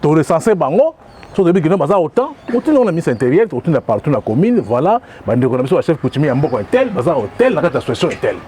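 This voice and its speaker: A man answers an interview outdoors in a town. His voice is a little high and very lively, and he speaks with emphasis, often checking that his listener follows. Faint street noise sits behind him. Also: racing. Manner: emphatic, often repeats "vous comprenez?". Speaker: president of a traditional chiefs' community.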